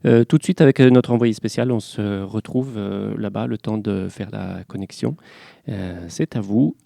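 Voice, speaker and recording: A man hosting a school radio show, introducing the program in a relaxed way with many fillers. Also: lowish voice, moderate pace, creaky, no echo, clean studio sound. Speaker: radio host and art teacher. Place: studio at an art school.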